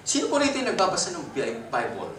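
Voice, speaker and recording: Filipino male preacher, slightly high voice, lively and laughing, miked from afar in a roomy church. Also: fast talker, slight background noise. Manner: animated, jumps in pitch and loudness, laughs often. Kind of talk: Taglish sermon. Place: church worship service. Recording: echoey hall, from a distance.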